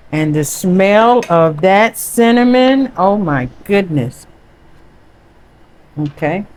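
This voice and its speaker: A woman's voice: fairly low pitch, a little mellow, a little hiss or hum, poor audio. A woman giving a home cooking demonstration in a kitchen, chatting and savoring each step aloud. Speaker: home cook.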